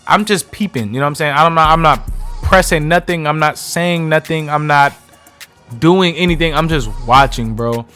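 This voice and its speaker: A young man with a fairly high voice tells a story from his own life in a loose, heated way, swearing freely. Soft music plays faintly in the background. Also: moderate pace, clear, resonant tone. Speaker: vlogger. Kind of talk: casual storytime.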